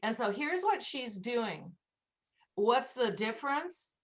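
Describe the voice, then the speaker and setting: A woman's voice: a little high, big pitch swings, slow pace. A woman teaching English pronunciation in an online class, patiently demonstrating sounds. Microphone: video call.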